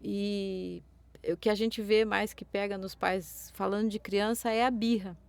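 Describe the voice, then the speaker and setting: A woman's voice: mid-range voice, fairly even intonation, a little slow, vocal fry, smooth, no echo. A Brazilian woman co-hosting a parenting podcast, explaining in a casual way with frequent tag questions. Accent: Brazilian Portuguese. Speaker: podcast co-host.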